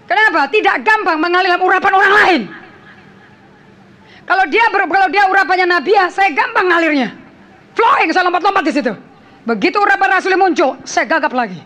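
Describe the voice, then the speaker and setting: A woman preaching a forceful sermon, slipping English phrases in and calling out to the congregation. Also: very high-pitched, expressive, fairly quick.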